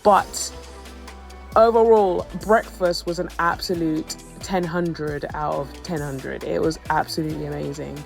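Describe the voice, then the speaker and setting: A woman's voice: low voice, steady tone, unhurried, vocal fry, faint music behind. A woman narrating her travel vlog as a voice-over, telling her story in a chatty, humorous way with playful asides. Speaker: travel vlogger.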